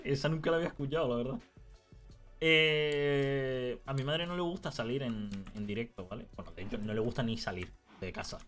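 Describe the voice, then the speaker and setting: A young man with a Canarian accent, chatting casually and teasing while he plays a game on stream, telling stories with a lot of animation. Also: mid-range voice. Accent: Canarian Spanish. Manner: animated teasing storyteller, quick mood swings. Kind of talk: casual chat while gaming.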